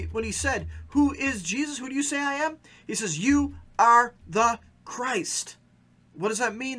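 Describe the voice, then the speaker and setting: A male pastor hosts his own podcast in a preaching style. His voice is bright and forward, and he talks earnestly and emphatically. He often stumbles into quick restarts before pushing his point. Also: extremely high pitch.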